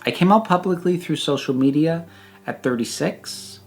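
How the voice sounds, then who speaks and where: With faint music behind, a thirty-something speaker delivers a prepared personal reflection in a mid-range voice. Phrasing is measured and emphatic, and the pauses are deliberate.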